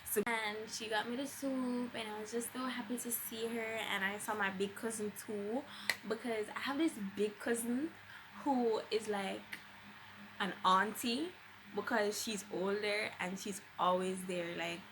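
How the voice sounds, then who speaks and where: A young adult woman with a Jamaican accent tells a personal story as a vlogger, chatting casually and expressively with emphatic delivery. She speaks unhurriedly in a steady, medium-pitched voice over a noisy background.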